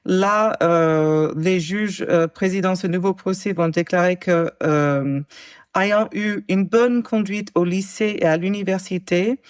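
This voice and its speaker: Speaking a little slowly in a low, clear, resonant voice, a forties-aged woman tells a true-crime case to her podcast co-host. Her casual storytelling is peppered with fillers, restarts and wry asides. The recording is dry and studio quality.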